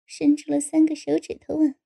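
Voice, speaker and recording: A woman narrating an audiobook in a steady storytelling delivery. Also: sits high, moderate pace, creaky.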